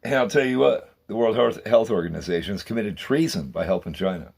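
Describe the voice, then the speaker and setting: A man with a low, husky voice rants at length to his viewers in a fervent, repetitive monologue. He keeps circling back, calling out "man" and "guys" as he talks. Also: lively intonation, a little fast, a little mellow. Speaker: channel host. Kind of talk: rambling conspiracy monologue.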